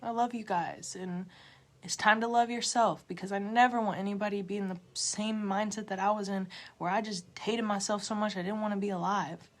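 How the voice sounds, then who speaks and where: Woman, tarot reader, livestream pep talk, emotional, repetitive, loud then hushed near-whisper. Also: medium pitch, fairly even intonation, fairly quick. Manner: repetitive, direct address to viewers.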